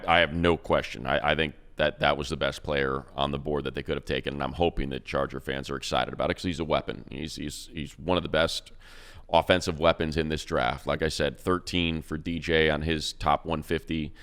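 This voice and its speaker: A radio play-by-play announcer who co-hosts a podcast chats loosely about football in a very deep, smooth, clear voice, speaking fairly quickly. Thinking aloud in a relaxed way, he rambles, restarts sentences, trips over his words, and repeats himself.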